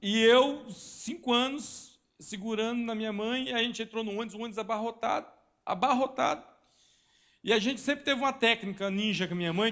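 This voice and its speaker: A man's voice: extremely high pitch, a bit bright. A man in his forties from Brazil, a pastor telling a personal story in a church sermon, acting out voices and sound effects. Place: church hall.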